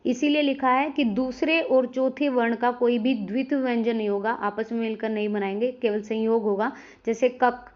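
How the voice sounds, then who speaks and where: A woman's voice: on the high side, fairly even intonation, moderate pace, hardly any pauses. A woman teaching a grammar lesson online, explaining step by step and talking straight to her viewers. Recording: dull lo-fi recording.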